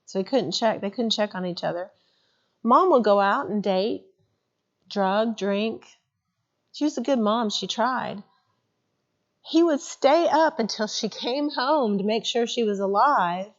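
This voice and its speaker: Animated woman trainer. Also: a little high, measured pace. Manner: animated storyteller who acts out quotes. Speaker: mental health trainer. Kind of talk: training presentation with stories. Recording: muffled lo-fi recording.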